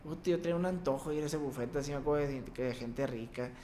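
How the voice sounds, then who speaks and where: A young man from Mexico, a baseball player, telling a personal story as a podcast guest, with an emotional, halting delivery and many restarts. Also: mid-range voice, warm tone, slight background noise. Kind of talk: casual interview storytelling.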